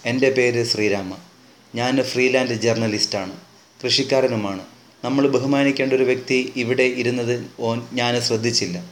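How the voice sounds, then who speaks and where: A man's voice: medium pitch, slight background noise, natural voice. A man voicing an earnest educated village speaker. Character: educated middle-aged male farmer and journalist. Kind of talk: audiobook narration.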